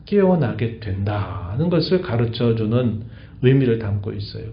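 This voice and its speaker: Korean pastor preaching in an echoey church. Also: male voice, medium pitch. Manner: explanatory preaching, asks the congregation questions and answers them. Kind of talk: sermon. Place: church sanctuary. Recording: echoey church, dull lo-fi sound.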